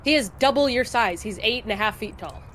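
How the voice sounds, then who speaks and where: Casting: woman game master, fairly high voice, loose and profane, faint noise behind. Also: animated, a little fast, fairly bright tone. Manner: laughs often, loose and profane. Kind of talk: narrating a tabletop game.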